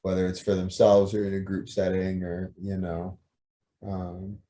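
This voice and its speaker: A young man with a dark, mellow voice chats as a podcast guest. He speaks easily and modestly, leaning on "like" and "you know" as he talks. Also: sits low, unhurried. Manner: relaxed, filler-heavy, modest. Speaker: musician guest. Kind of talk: casual interview chat.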